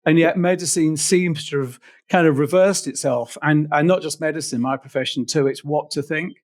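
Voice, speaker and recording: A man's voice: on the high side, fairly even intonation, normal speed. A man hosting a podcast, asking questions in a hesitant way with small restarts. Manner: hesitant, repeats words while asking questions. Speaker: podcast host. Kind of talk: conversational interview.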